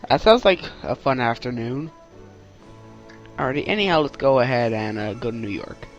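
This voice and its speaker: A man's voice: mid-range voice, expressive, moderate pace, highs cut off, faint music behind. A man hosting a let's play, giving casual, wry, self-deprecating commentary on a game.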